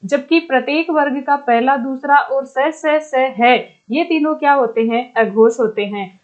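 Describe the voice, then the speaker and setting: A woman's voice: sits high, unhurried. A young woman teaching a grammar lesson online, explaining patiently and asking the class questions she then answers herself. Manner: explains patiently, repeats and asks questions back to students. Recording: dull lo-fi recording.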